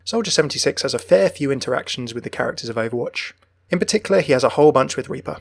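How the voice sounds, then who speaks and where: A young man hosts a gaming channel, enthusiastically delivering scripted lore commentary in a gravelly, mid-range voice. He talks rapid-fire with lively intonation. The recording is dry and close with no room sound, laid over background music.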